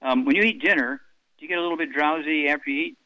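An elderly man hosts a radio advice show, listing supplements and doses with frequent fillers. His voice is bright and forceful, recorded dry. The audio sounds dull and lo-fi. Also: on the high side, fast talker, no echo. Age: 80s. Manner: rambling, repeats product doses, many fillers. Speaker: radio health show host.

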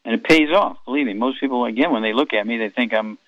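A man's voice: medium pitch, quick pace, no echo, narrow, tinny audio. Folksy rambling man in his eighties. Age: 80s. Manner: folksy, rambling, chatty asides. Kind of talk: rambling health talk.

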